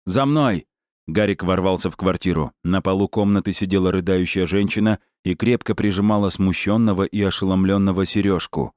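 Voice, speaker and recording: A man narrates a novel in steady, measured scripted narration. His voice sits low and the sound is dry and close, with no room around it. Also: clear, resonant tone, dry recording. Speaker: audiobook narrator.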